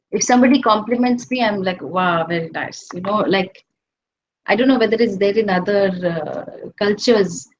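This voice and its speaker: A woman spiritual teacher with an Indian accent giving a conversational scripture lecture, hesitant with many fillers and often acting out the voices she quotes. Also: on the high side. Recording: slightly dull recording with faint hiss.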